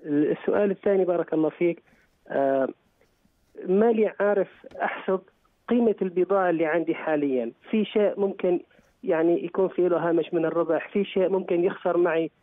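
Caller, male, courteous, brisk, dry phone-line sound. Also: sits high, no echo. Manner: polite, with frequent blessings and hesitations. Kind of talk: phone call to a radio show.

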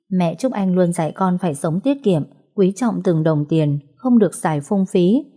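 A woman narrating a story in a calm, even, scripted storytelling manner. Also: fairly low pitch.

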